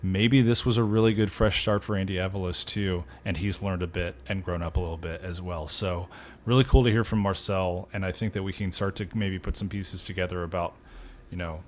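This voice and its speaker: Low-voiced man co-hosting a sports podcast. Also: fairly even intonation, slight background noise. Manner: measured, conversational, dry humor. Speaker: podcast co-host. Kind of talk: casual sports podcast chat.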